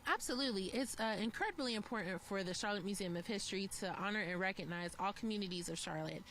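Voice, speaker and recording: A woman who runs a museum, answering news interview questions in an earnest, measured and articulate way. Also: medium pitch, fairly bright tone, a little hiss or hum. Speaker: museum executive.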